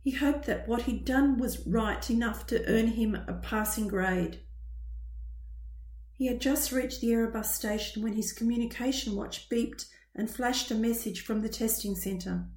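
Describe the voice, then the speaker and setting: A woman narrating a children's science-fiction story as an audiobook reading, with expressive, even storytelling. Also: on the high side, a little slow. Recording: roomy echo.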